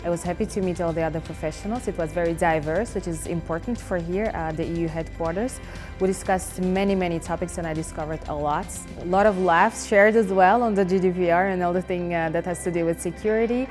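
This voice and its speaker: Female attendee testimonial, fast talker, slightly low voice. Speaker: event attendee. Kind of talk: testimonial interview. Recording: music behind the voice.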